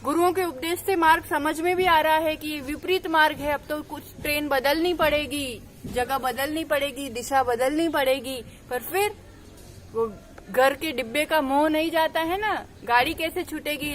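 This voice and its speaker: A Jain nun giving a devotional sermon, earnest and exhorting, mixing a parable with teaching. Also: female voice, high-pitched, a little hiss or hum. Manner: earnest, exhorting, rising to emphatic calls.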